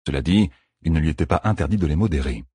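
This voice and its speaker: A man narrates an audiobook in a measured, expressive way. His voice is husky and moves a lot in pitch. It is recorded close and dry. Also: dry recording. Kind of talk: scripted narration.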